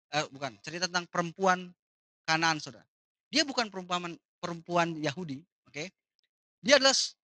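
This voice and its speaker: Bright-voiced woman preaching a sermon. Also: fairly low pitch, dry recording. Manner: addresses the audience as "saudara" and asks them questions; retells the story with dramatic rises and drops in loudness. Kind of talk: conference sermon.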